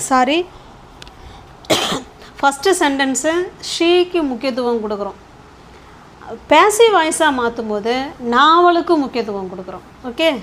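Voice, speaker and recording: A woman's voice: high-pitched, a bit bright, slight background noise. A woman, teaching English grammar in a patient lesson style. She often checks in with "okay?" and stretches words out while writing.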